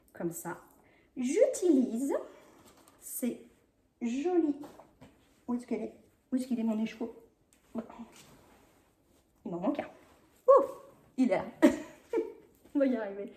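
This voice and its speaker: Here the knitting podcast host, a woman, chats warmly through her projects, her voice on the high side. She hesitates, leans on fillers, laughs a lot, and occasionally hurries before apologizing for the pace, all in an echoey room at home.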